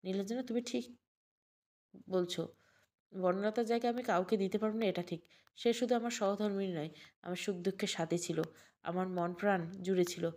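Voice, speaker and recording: A woman's voice: mid-range voice, fairly even intonation, moderate pace, long pauses, darkish tone, lightly acted. A woman voicing an anxious, earnest young widower in an audio story.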